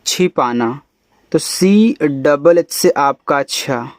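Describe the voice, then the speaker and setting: A man's voice: on the high side, expressive, extremely slow, no echo. A man teaching spelling, explaining patiently letter by letter. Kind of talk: spelling lesson.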